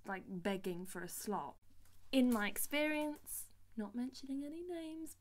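Exasperated young woman ranting. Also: medium pitch. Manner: animated and exasperated, voice leaping up on outbursts. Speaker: singer-songwriter vlogger. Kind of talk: ranting vlog monologue.

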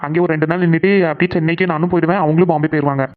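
A woman's voice: deep voice, fairly even intonation, racing. A woman who voices the characters of her cartoon channel and talks to viewers in an easygoing way. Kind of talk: cartoon voice acting and chat to viewers. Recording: dull lo-fi recording.

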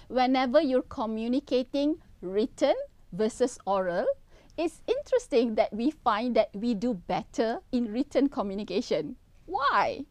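A middle-aged woman professor delivers a university lecture. Her higher voice moves in lively swoops of pitch. She sounds earnest and instructive, recorded close and dry. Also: no room sound. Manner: earnest, instructive, repeats key points.

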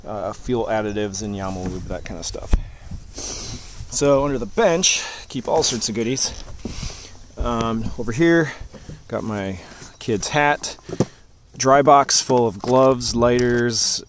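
A man giving a relaxed, rambling walkthrough tour of his boat outdoors, talking with many fillers into a handheld camera. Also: medium pitch, slight background noise. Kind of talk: casual walkthrough vlog.

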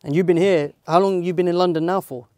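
Slangy male interview host, fairly high voice. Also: quick pace, dry recording. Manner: relaxed, slangy, says "bro" a lot. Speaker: podcast host, DJ. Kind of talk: casual interview chat. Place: small recording studio, seated on a sofa.

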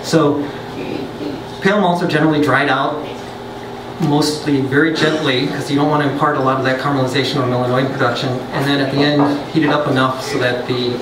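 A brewer gives a chatty science talk to a pub crowd, full of jokes and restarts. His voice is medium-pitched and brisk, with little rise and fall. He's recorded off-mic in a roomy space with loud background noise.

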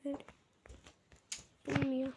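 A high, girly gamer voice, as a man puts it on, excitable and quick to curse at the game. It chatters straight to viewers in loose gameplay commentary, with a faint hiss underneath. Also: gravelly, exaggerated voice. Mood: playful. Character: girly female voice put on by a male gamer. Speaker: gaming streamer.

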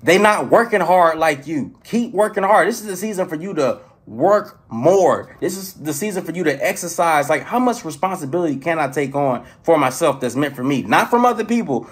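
A man giving a casual, profane motivational rant to his viewers, preachy and excitable, swinging between loud outbursts and low murmurs. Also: normal speed, hardly any pauses, slightly rough. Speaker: spiritual motivational vlogger.

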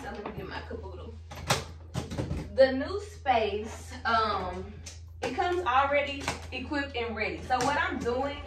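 Woman vlogger, slightly high pitch, upbeat and talkative, a touch breathless, home studio. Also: slight background noise. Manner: excited and chatty, uses "y'all". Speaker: lash artist and vlogger. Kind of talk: casual vlog to camera. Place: lash room in a house.

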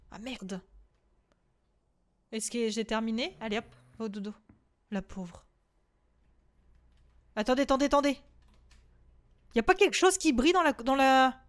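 A young woman with a fairly high voice streams a horror game as a let's-play, chatting casually with viewers. She swears freely, repeats words in quick bursts, and shrieks whenever the game startles her.

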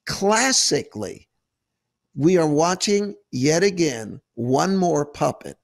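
A man's voice: on the high side, sing-song, slow pace, creaky. A man hosting a political talk show, speaking emphatically and sarcastically with open disbelief. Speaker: show host, preacher. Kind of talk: casual political commentary.

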